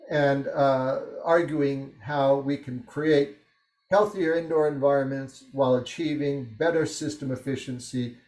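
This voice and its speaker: A man giving a technical webinar talk over a video call, his voice sitting a little high for a man. He explains at a steady pace and leans on "uh" fillers while moving through his slides. The sound is roomy, with a noticeable echo around him. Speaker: webinar presenter.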